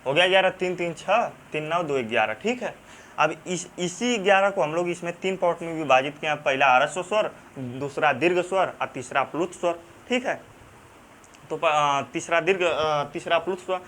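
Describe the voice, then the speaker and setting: A male teacher with a Banarasi accent giving a classroom grammar lesson. He repeats key terms, checks in often and pauses with many fillers. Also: on the high side, fairly bright tone, a little hiss or hum. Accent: Banarasi Hindi. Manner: halting, many fillers and restarts.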